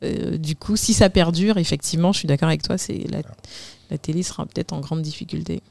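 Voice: medium pitch, brisk, vocal fry, darkish tone, no room sound. A podcast host in a casual round-table chat, agreeing readily and building on what the guests say. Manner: agreeable, affirming.

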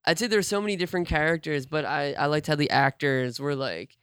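Male podcast critic, smooth resonant voice, joky and halting, dry mic. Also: on the high side, a bit bright, dry recording. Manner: playful, hesitant, jokey. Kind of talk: casual panel chat.

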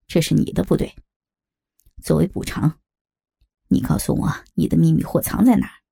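A woman doing a low, gravelly, cold gang boss. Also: no echo, studio quality, exaggerated voice. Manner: calm, measured threats. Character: cold calm male gang boss, menacing. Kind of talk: audiobook character voice.

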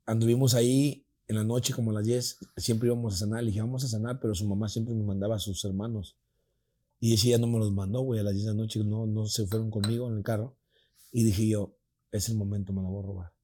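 A man with a Mexican Spanish accent telling a personal story in casual chat, animated and swearing freely, acting out the voices of people in it. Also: lowish voice, fast talker.

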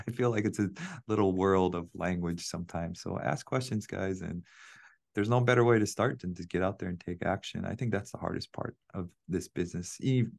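Low gravelly-voiced male podcast host. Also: moderate pace. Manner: laughs often, chatty and upbeat. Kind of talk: casual interview chat.

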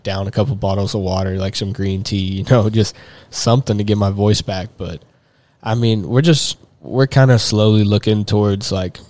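Recorded dry, a young man's lowish, somewhat mellow voice carries a casual podcast chat. The Texan guest rambles, using lots of fillers and frequently starting over.

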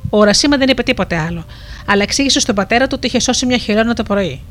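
A woman storyteller reading a fairy tale in a calm, measured way. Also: fairly high pitch, a little hiss or hum. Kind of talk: storybook narration.

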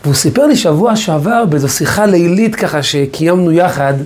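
A man's voice: on the high side, animated, a little mellow. A man, a rabbi, teaching a religious lesson in a storytelling way, often stressing words by repeating them. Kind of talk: Torah lesson.

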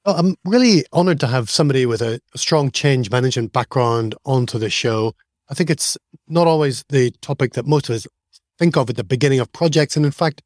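A man with a fairly high voice hosts a tech podcast, reading a friendly scripted intro before moving into conversational interview questions. The sound is studio quality with no echo.

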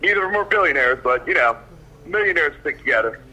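A man's voice: a little high, animated, fast talker, pushed and bright, low-quality recording. A man calling in and heard through a phone on speaker, chatting casually and swearing freely. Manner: laid-back, swears freely. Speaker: caller. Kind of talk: casual call-in chat.

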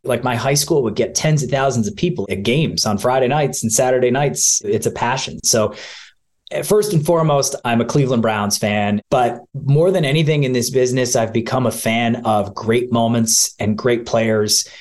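A man's voice: mid-range voice, moderate pace. A man in his forties from Ohio, a sportscaster telling stories in a casual interview, chatty with easy laughs. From Ohio, USA. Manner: chatty, warm storytelling with laughs. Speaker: sportscaster guest.

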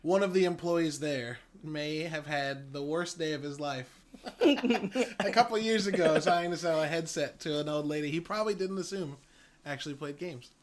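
A man in casual chat, adding quick wry asides and teasing remarks. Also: fairly high pitch.

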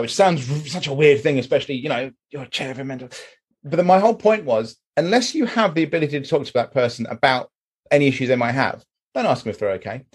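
A man's voice: mid-range voice, husky. A British man in a casual discussion, ranting emphatically and swearing now and then. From Britain. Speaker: podcast host, mental health charity chair.

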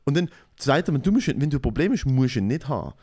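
A man's voice: mid-range voice, fast, husky. Young Swiss German man telling a rant. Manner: animated storytelling, acting out quotes, lots of swearing. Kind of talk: casual chat.

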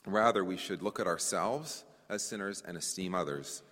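A man preaching a conference sermon to brothers and sisters, animated, often repeating words as he searches for the phrasing. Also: low-pitched, moderate pace. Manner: addresses listeners as brothers and sisters. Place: conference hall. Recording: long hall reverb.

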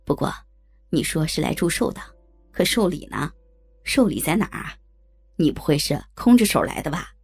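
A woman voicing a gaunt, sickly old man in an audiobook story who speaks in a hushed, urgent, pleading way. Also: sits low, expressive, moderate pace, pauses often, breathy edge, faint music behind, voice pushed down, heavily acted. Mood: wheedling.

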